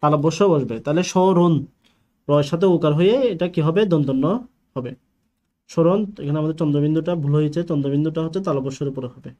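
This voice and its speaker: A man's voice: fairly high pitch, fairly even intonation, fast talker, dark tone, lo-fi sound. A male teacher giving an online grammar lecture, posing questions to the class and answering them himself.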